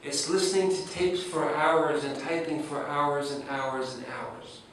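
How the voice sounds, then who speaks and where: A man's voice: on the high side, fairly even intonation, measured pace, slight background noise. A man whose first language is French gives a humorous academic lecture and keeps asking his audience rhetorical questions. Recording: echoey hall, distant mic, faint ambience.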